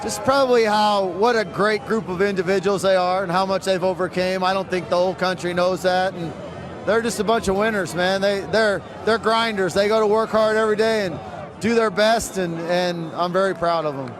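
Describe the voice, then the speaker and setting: A man's voice: sits high, fairly even intonation, a little fast, a crowd in the background. A man, a football head coach, giving a plain-spoken, colloquial post-game interview outdoors on the field.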